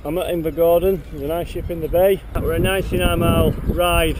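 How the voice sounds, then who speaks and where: A man's voice: a little high, flat delivery, fairly quick, a little mellow. A man on his bike giving a chatty, upbeat running commentary into a handheld camera on open coastal roads. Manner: chatty, upbeat, pointing out places along the way. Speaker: cyclist vlogger. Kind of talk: casual running commentary while riding. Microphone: handheld action camera. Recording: wind noise on an outdoor camera mic.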